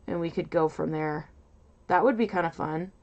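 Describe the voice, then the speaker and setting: A woman hosting a casual crafting livestream in a loud, nasal voice, rambling and hesitant with lots of fillers, from a mic set off to her side. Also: on the low side, moderate pace, lo-fi sound. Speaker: livestream host. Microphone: mic set off to the side, away from camera.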